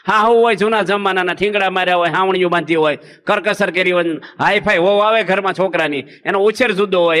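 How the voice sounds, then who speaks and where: Humorous sermon by a male monk preacher, high and bright, folksy storytelling. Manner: folksy, acts out village anecdotes with quoted voices.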